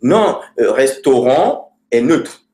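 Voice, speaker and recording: A man teaching Romanian grammar to a student, slow and hesitant, with many fillers. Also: medium pitch, sing-song, mellow, echoey room.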